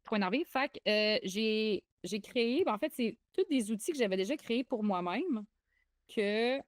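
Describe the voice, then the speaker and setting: A young woman with a Québécois accent co-hosting a podcast, chatting excitably with lots of fillers and restarts. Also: a little high, moderate pace, dry recording, studio quality. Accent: Québécois French. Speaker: podcast co-host. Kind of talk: casual podcast chat.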